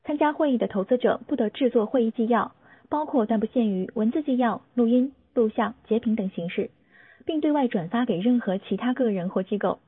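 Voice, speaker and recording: A woman's voice: on the high side, fairly quick, breathy edge, dry recording. Phone-band woman reciting a formal legal disclaimer. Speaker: disclaimer reader. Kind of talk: scripted legal disclaimer read-out. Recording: tinny, narrow phone-like audio.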